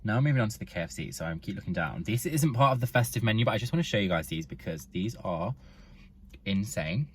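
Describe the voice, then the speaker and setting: Young vlogger, very low voice, chatty food review in a car, mouth often full. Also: male voice, expressive, fast, a little hiss or hum. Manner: chatty, talks with his mouth full while eating. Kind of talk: casual food review to camera. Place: inside a parked car.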